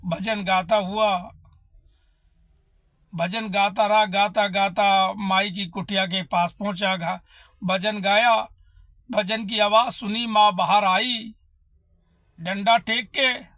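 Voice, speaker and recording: A man's voice: high voice, fairly even intonation, takes it slowly, long pauses, bright, forceful tone, dry recording. A man telling a devotional story, emotive and addressing listeners as brothers.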